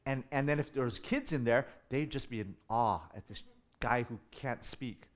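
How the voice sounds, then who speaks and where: A man's voice: medium pitch, normal speed. A middle-aged man from the United States preaching a sermon, telling stories with humor and building in intensity. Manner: animated storytelling with humor, rising in volume for emphasis. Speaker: pastor.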